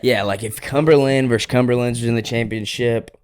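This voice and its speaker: A young man co-hosting a sports podcast, telling stories in an animated, teasing way. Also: mid-range voice, brisk, smooth. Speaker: podcast co-host. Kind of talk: casual podcast chat.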